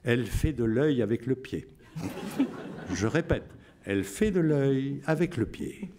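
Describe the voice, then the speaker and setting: An older man in his seventies playing a solemn wartime radio announcer who reads out coded messages with measured, emphatic repetition. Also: mid-range voice, lively intonation, noisy background, voice pushed up. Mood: declaiming.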